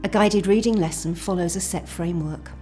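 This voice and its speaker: Calm woman narrator, low mellow voice. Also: fairly quick, faint music behind. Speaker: narrator of a teacher training video. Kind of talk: scripted narration.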